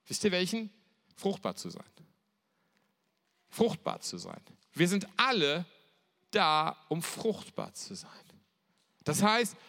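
A man's voice: high voice, bright, forceful tone. A man preaching a sermon to a church gathering, speaking emphatically and repeating key phrases.

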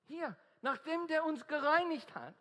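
Very high and pushed, bright, with big pitch swings yet an unhurried pace, an Australian man preaches an evangelistic sermon in German. A native English speaker, he is earnest and emphatic but often searches for words, his voice trailing in a hall's long reverb.

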